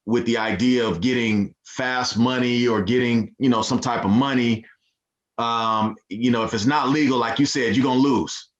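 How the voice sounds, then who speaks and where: A man speaking as a podcast guest in a relaxed, laid-back way, with lots of fillers. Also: medium pitch. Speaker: guest, nonprofit founder. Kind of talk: casual interview chat. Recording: dull lo-fi sound.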